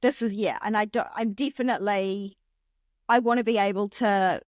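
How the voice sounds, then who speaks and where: Woman on a podcast, late 30s, rambly and animated, dry close mic. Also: mid-range voice, moderate pace, dry recording. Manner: chatty, animated, lots of fillers. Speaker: podcast guest. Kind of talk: casual chat.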